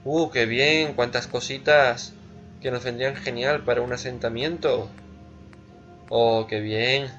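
A male gamer comments casually as he plays, musing aloud in a playful way. His voice is mid-pitched, on a slightly dull recording with faint game music behind it. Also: steady tone, takes it slowly, fairly bright tone. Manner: playful, muses aloud, repeats words. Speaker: gamer, let's play host.

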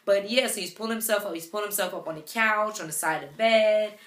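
A young woman, a mother, chatting casually to camera with lots of "like" and "um" in an animated retelling. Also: mid-range voice, quick pace. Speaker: vlogger, mother. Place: home room with her baby beside her. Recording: echoey room.

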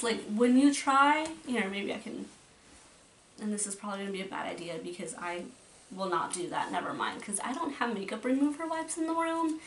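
Chatty woman vlogging in a roomy bedroom. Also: mid-range voice. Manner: rambling, chatty, trails off and restarts. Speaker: beauty vlogger. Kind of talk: casual makeup declutter talk. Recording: roomy, from a distance, faint noise.

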